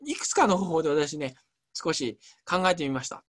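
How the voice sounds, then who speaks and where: A lecturer explaining at a relaxed pace, chatty, with many fillers and emphatic asides. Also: mid-range voice, moderate pace. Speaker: lecturer on Chinese culture.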